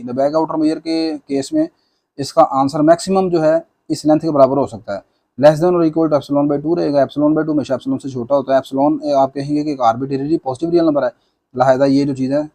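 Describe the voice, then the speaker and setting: A man's voice: fairly high pitch, warm tone. A man teaching a maths lecture, patiently walking through proofs. He mixes English maths terms into his speech and often checks in with "theek hai na".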